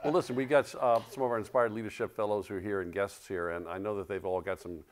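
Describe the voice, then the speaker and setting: A man hosts a live on-stage interview in a joking, easygoing way. His voice is a little low. He leads the talk toward questions from the floor. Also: steady tone, fast, noisy background. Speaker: interviewer, event host. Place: stage event before an audience.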